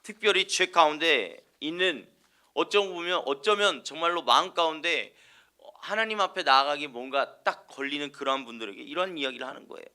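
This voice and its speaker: A man's voice: fairly high pitch, a little fast, bright, forceful tone, clear, resonant tone. A male evangelist preaching an earnest sermon, posing rhetorical questions to the congregation and answering them himself.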